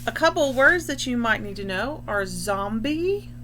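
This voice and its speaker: With a high-ish voice and lively intonation, a school librarian reads a picture book aloud for young children while the background is noisy. She keeps it instructional, explaining as she goes and pausing over word definitions.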